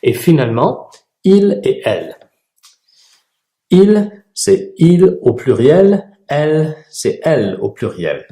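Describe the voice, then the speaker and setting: A man teaching a French grammar lesson, slowly drilling verb forms and clearly articulating each one. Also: on the high side, very animated, dark tone, reverberant. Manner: clearly articulated, repeats each form, emphatic rises on key words. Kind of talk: slow, deliberate grammar lesson with drilled examples.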